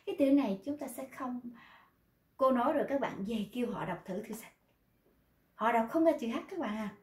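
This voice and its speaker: A woman's voice: on the high side, expressive, fairly quick, a little mellow. A woman teaching a pronunciation lesson, patiently explaining step by step and repeating her examples. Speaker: Korean language teacher. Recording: roomy echo.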